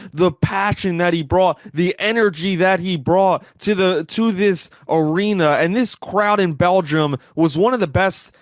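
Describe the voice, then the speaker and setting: A man with a high, clear voice delivers a commentary-style recap. He often repeats and restarts words as he goes. The sound is dry and close, with very little room on it. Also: dry recording. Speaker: wrestling commentator.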